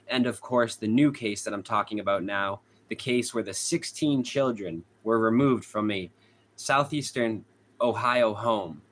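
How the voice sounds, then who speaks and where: Medium in pitch and fairly bright, his voice comes with a little hiss or hum. He's a young true crime host from Boston, by his accent, livestreaming casually from a hot room at home, laughing often while reading viewers' comments aloud and chatting with them.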